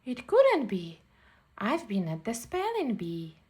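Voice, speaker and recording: A woman's voice: a little high, wildly swooping pitch, slow pace, a little mellow, heavily acted. A woman voicing an innocent female squirrel in sing-song protest, reading a storybook to a toddler. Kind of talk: children's storybook character read for a toddler.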